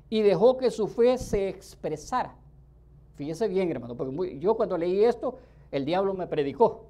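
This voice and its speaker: Emphatic male preacher, mellow voice. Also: high-pitched. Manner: emphatic, keeps calling out to the listeners; swings between soft asides and loud bursts. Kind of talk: sermon.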